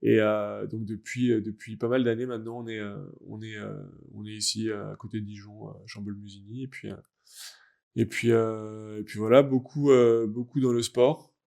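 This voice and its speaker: A young adult French man, a guest athlete in a casual interview, talking in a halting, reflective way as he searches for words. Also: on the low side, level tone, vocal fry, darkish tone. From France. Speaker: guest, wheelchair rugby athlete.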